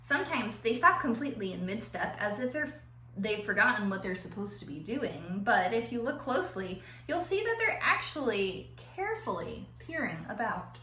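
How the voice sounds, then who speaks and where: Very animated and reading at a normal pace, she sounds like a playful teacher entertaining kids, her bright, forceful voice sitting fairly high and ranging widely. She draws out words for emphasis and adds chatty asides. The room echoes heavily, with faint noise behind her.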